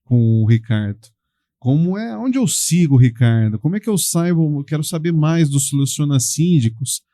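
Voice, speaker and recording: Deep-toned male podcast host. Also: lively intonation, normal speed, mellow. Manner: encouraging, brief affirmations. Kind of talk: interview hosting.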